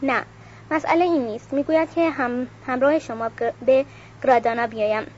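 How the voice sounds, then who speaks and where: A woman's voice: high voice, fairly even intonation, darkish tone, close to an everyday voice. A woman reading Ursula, an eager young noblewoman. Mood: tender. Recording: dull lo-fi recording with faint hiss.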